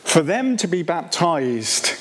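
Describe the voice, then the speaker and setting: Male preacher, fairly high voice, slow measured delivery, leans on repetition and rhetorical questions. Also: big pitch swings, a bit bright, slight background noise. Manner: emphatic, slow and deliberate, repeats key phrases and asks rhetorical questions. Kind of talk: sermon.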